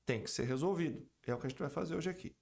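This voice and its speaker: A man's voice: fairly high pitch, creaky, a little mellow. A man teaching an English pronunciation lesson, drawing out and repeating example words. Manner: slow, drawn-out example words, repeated several times.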